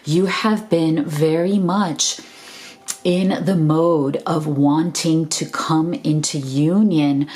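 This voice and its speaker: A middle-aged woman reads tarot in an unhurried, drawn-out way. Her voice sits a little low for a woman. She gushes warmly over the cards and keeps checking in with "right?". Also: fairly even intonation. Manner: gushing, affirming, frequent "right?" tags. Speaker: tarot reader. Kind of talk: tarot reading monologue.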